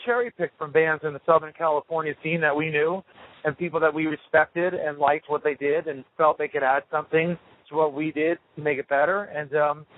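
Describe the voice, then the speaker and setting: A man in a band, talking casually over the phone from a tour RV, relaxed and rambling with lots of fillers. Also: on the high side. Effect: heard over a phone line. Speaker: touring rock band member interviewed as guest. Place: tour RV on the road. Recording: tinny phone line.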